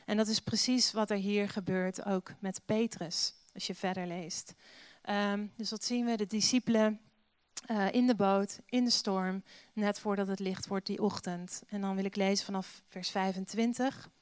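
A woman gives a sermon and reads Bible passages in a relaxed, conversational way. She pauses on filler sounds and keeps asking her listeners rhetorical questions. Her voice is smooth and resonant, recorded dry and close with no room echo. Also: mid-range voice. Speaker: preacher.

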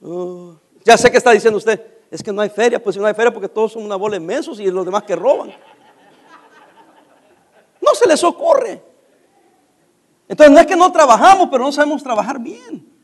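Lively high-voiced Mexican man telling stories. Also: normal speed, long pauses. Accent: Mexican Spanish. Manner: animated, acts out dialogue, laughs while telling. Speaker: storyteller. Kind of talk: casual anecdote to listeners.

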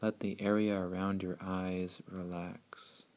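A man narrating a scripted guided meditation in a soothing, hushed, unhurried way with long pauses. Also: low-pitched, little pitch movement.

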